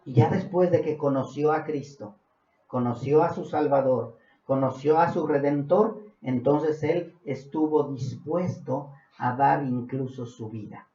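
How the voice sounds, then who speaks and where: A man's voice: a little high, unhurried. Fervent preacher man in a roomy hall. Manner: preaches with rising emphatic questions and drops to quiet reflective lines. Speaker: pastor. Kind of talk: sermon. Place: church hall. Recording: roomy, dull church recording.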